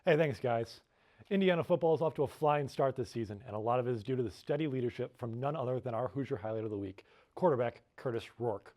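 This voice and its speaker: Quick, mellow-voiced young male sports reporter. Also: mid-range voice. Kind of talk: scripted sports news segment. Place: TV studio.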